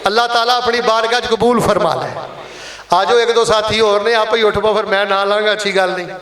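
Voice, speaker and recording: A man's voice: sits high, steady tone, normal speed, fairly bright tone, roomy sound. A man with a Punjabi accent leading a mosque fundraising appeal during a Friday sermon, coaxing and blessing the congregation.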